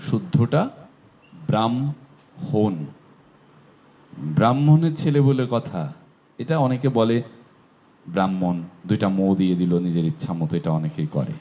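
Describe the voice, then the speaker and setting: A man giving a pronunciation lesson, sounding out words slowly and repeating them with care. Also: medium pitch. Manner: slow, drawn-out demonstration of sounds. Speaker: pronunciation teacher. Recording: dull lo-fi audio.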